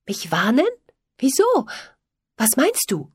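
A woman's voice: high-pitched, lively intonation, moderate pace, no room sound, studio quality, pitched above the performer's own voice. A woman voicing a stubborn, clever young princess who is suspicious and defiant.

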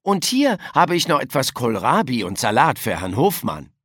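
A man voicing a kindly, cheerful mother of a schoolgirl in an audiobook story, speaking slowly in a friendly, amused tone. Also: mid-range voice, big pitch swings, fairly bright tone, breathy edge, no echo, clean studio sound.

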